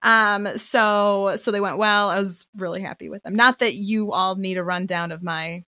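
Female co-host, young, slightly hoarse voice, conversational, dry recording. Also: mid-range voice, fairly even intonation, normal speed, sharp tone, no echo. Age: young adult. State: slightly hoarse, sore-throated voice. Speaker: podcast co-host. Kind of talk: casual chat.

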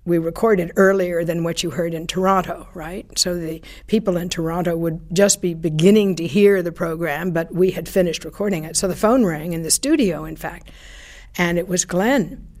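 This interview features an older woman, formerly a radio broadcaster, recalling her radio days through chatty anecdotes, fillers and light laughter. Her lowish voice is a little mellow and moves at a normal speed.

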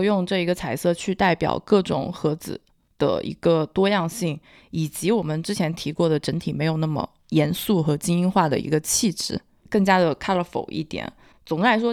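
A woman with a slightly low voice co-hosts a casual podcast. She has a Hunan accent and merges her L and N sounds. The sound is dry and close. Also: a little mellow, dry recording. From Hunan, China. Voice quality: mixes up L and N sounds. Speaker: podcast co-host.

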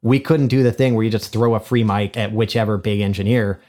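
Recorded on a figure-eight studio condenser mic, this man is a microphone designer guesting on a podcast for a casual chat. His voice is lowish, nasal and honky with a darkish tone and fairly even intonation. He talks briskly, chatty and self-deprecating.

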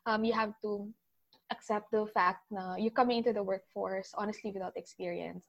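A chatty young Filipino woman gives big-sister advice in a relaxed interview, her voice at a middling pitch. She talks freely and often lets her sentences drop away softly. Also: a little fast, vocal fry, highs cut off. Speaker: interview guest, older sister. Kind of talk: casual interview mixing English and Tagalog.

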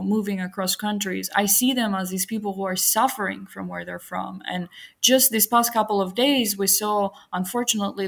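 A young woman from Albania, a podcast guest, answering questions in an earnest, open and personal way. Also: medium pitch. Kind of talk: reflective interview answers.

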